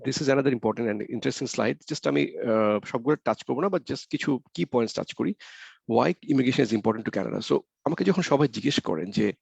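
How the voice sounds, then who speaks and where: A gravelly-voiced man at mid-range pitch presents slides rapid-fire in English and Bengali during a webinar, hammering key points through repetition and rhetorical questions. Captured by a computer mic on a video call, the sound is dry, dull and slightly muffled.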